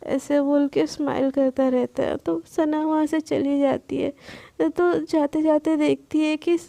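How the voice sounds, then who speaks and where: A woman tells a serialized story in an easy, conversational way. Her voice is high with a gravelly texture and a mellow, dark tone. The recording is dry and close. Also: steady tone, a little slow, no echo. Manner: plain conversational retelling. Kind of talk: casual serialized story narration.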